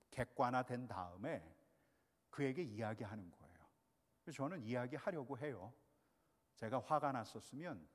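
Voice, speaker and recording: A male pastor preaching a sermon, swinging between hushed and loud. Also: medium pitch. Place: church sanctuary. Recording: long reverb of a church hall.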